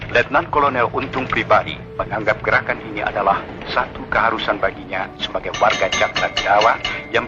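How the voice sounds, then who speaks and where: A man from Indonesia reading an official statement in the formal, solemn, measured style of an old 1960s radio news bulletin, like a newsreel announcer. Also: fairly low pitch. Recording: muffled 1960s archival radio broadcast, music behind.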